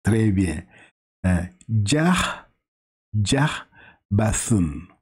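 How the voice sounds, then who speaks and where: Husky and fairly low, his voice swings widely in pitch as this Senegalese man, accented in Senegalese French, gives a patient Quran reading lesson. Slow, drawn-out syllables come with repetition, corrections and halting restarts.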